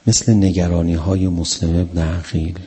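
A man's voice: low-pitched, little pitch movement, warm tone, husky. A male preacher delivering a mourning sermon, telling the story with emotion and acting out the quotes.

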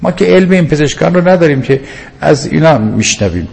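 A man's voice: fairly high pitch, lively intonation, vocal fry, a little mellow, big-room sound. An older man preaching a sermon as a cleric, emphatic and scolding at times, quoting Arabic verses.

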